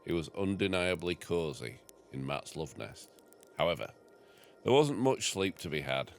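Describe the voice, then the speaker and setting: A man's voice: deep voice, very animated, normal speed, faint music behind. A farmer reading his family's memoir aloud in a wry storytelling manner.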